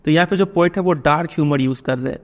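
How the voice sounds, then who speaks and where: An Indian man walks his students through a poem line by line, speaking quickly in a slightly high voice. He is patient and pauses frequently to make sure they are following.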